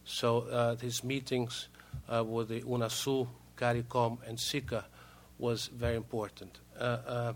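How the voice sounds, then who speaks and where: A man's voice: mid-range voice, level tone, unhurried. A Brazilian man, a native Portuguese speaker, giving formal remarks as a diplomat in broken English, hesitating often and repeating words.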